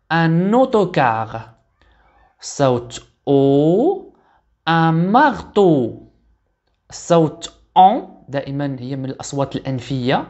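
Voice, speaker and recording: A man with a Maghrebi Arabic accent gives a French pronunciation lesson. He talks at an unhurried pace, and he repeats each word slowly and with care. The recording sounds a little dull and lo-fi. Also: fairly high pitch, a little mellow. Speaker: French teacher.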